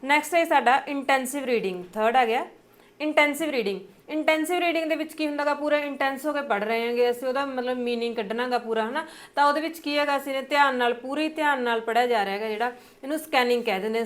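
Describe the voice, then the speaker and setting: Punjabi woman teaching an exam-prep lecture. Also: a little high. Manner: explanatory, frequent fillers, reads English points slowly.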